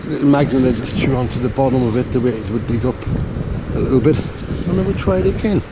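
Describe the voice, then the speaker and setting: A man from Ireland talks casually into a head-mounted camera while he hauls in rope on a riverbank. He chuckles wryly at each small find. Wind noise comes through clearly around his voice outdoors. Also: medium pitch, brisk. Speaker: magnet fishing vlogger. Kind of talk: casual running commentary. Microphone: head-mounted action camera.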